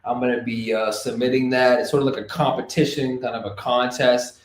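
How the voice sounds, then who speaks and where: A man's voice: mid-range voice, flat delivery, a little fast, reverberant, poor audio. A young adult man with a Boston accent, co-hosting a casual hip hop podcast in a laid-back way with many fillers. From Boston area.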